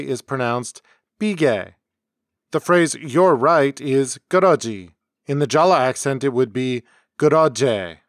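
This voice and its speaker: A man hosting a homemade podcast, reading a scripted lesson in a measured, explanatory way. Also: mid-range voice, dry recording, clean studio sound. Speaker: podcast host. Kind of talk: scripted educational narration. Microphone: close home mic.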